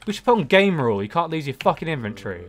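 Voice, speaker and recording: A man's voice: a little high, sing-song, racing, crowd noise. A young man chatting casually as he plays a game, complaining in an exasperated, sweary way. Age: young adult. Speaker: gaming video co-host. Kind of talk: casual let's play chat.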